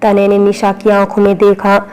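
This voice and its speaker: A woman's voice: mid-range voice, completely flat delivery, moderate pace, darkish tone, clear, resonant tone, poor audio. Woman narrating a romance in a level voice. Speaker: storyteller. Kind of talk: scripted narration of a romance story.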